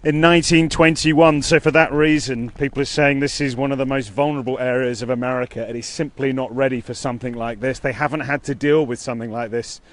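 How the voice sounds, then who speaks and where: A man giving an earnest, halting, unscripted live news report outdoors in a storm, speaking into a phone. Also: medium pitch, steady tone. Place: outdoors near a hotel in a storm. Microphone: phone held by the speaker. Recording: noisy outdoor wind and rain. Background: storm ambience.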